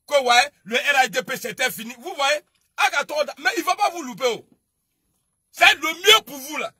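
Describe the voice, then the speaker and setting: A man with an Ivorian French accent ranting on a political livestream, scolding and shouting, then dropping to low mutters. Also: lively intonation, moderate pace, no room sound, studio quality. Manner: shouting, scolding, swings between loud outbursts and low muttering. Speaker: online video commentator. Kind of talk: heated political livestream rant.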